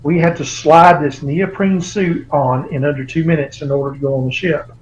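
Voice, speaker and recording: Brief: male author guest, rambling storyteller, slightly high voice, dull lo-fi video-call sound. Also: steady tone, normal speed, slight background noise. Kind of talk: remote interview.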